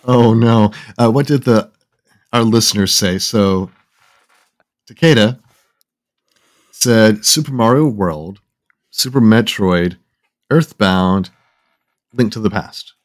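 A man hosting a casual gaming podcast, talking in halting starts and reading listener lists aloud. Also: fairly low pitch. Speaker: podcast host.

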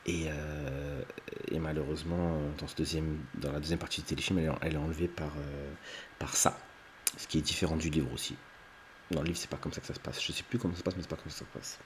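A man's voice: rumbling low, fairly even intonation, fast, a little hiss or hum. A man hosting a video, retelling a TV film's plot in an unedited, rambling way with many fillers and restarts, now and then acting out lines in a raised voice. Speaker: video host recapping a TV film.

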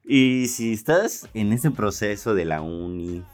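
A man's voice: fairly low pitch, animated, slow pace. A young man with a Mexican accent telling a funny story in casual, slangy talk, swearing and laughing often. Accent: Mexican Spanish. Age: young adult. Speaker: podcast host.

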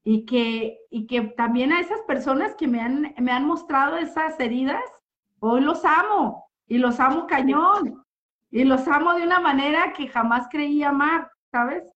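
A woman's voice: sits high, measured pace, fairly bright tone. A woman gives a heartfelt personal therapy testimony. She talks expressively and often checks in with tag questions. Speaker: guest giving a therapy testimony. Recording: muffled lo-fi audio.

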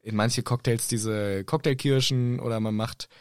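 A man's voice: mid-range voice, steady tone, measured pace, clear, resonant tone, dry recording. A man chatting casually about a book and quoting the characters in acted voices. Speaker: podcast co-host.

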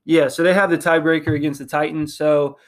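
A young male podcast co-host chats casually about football picks. His voice is a little high but flat, with little rise and fall, and he hesitates constantly, with many ums and restarts.

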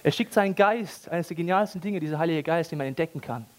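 A man's voice: a little high, quick pace. A man preaching a casual, ironic sermon with everyday language and humor. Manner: animated, ironic, colloquial.

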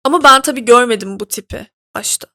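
Woman podcast host ranting about something, animated, lots of fillers, kinda high voice. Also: fast talker. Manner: indignant, animated storytelling with many fillers. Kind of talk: casual podcast monologue.

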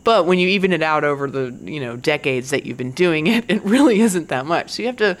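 A woman's voice: low-pitched, animated, a little fast. A woman comedian in her forties, talking in a candid, profane casual monologue and laughing now and then. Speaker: stand-up comedian.

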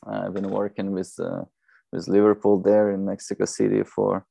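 Gravelly low-voiced man with a Belarusian accent. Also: level tone, mellow, no room sound, studio quality. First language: not English. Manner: halting, rambling, often saying "you know". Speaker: podcast guest. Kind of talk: casual conversational interview.

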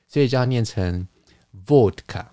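A man hosting a podcast, explaining things in a relaxed lecturing way with fillers and restarts. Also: on the low side, brisk, no echo. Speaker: podcast host, wine lecturer. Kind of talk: casual conversational podcast.

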